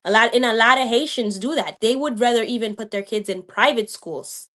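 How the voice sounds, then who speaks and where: A woman's voice: on the high side, fairly quick, pushed and bright. A young adult woman from the United States, a guest in a casual live-stream chat, talking animatedly and switching between Haitian Creole and English.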